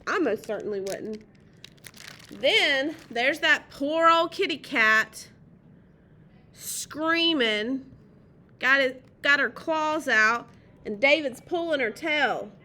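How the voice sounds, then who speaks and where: A woman reading a picture book aloud to children in a gentle, expressive way. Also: high voice, slow pace, pauses often. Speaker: storytime reader.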